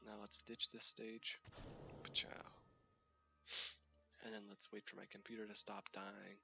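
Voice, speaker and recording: Stuffy and sniffly from a cold, this young gaming channel host rambles through casual commentary on a space game, hesitating often and leaning on fillers. He speaks at a measured pace in a lowish, creaky voice that is bright and forceful, with little pitch movement. A little hiss or hum is audible.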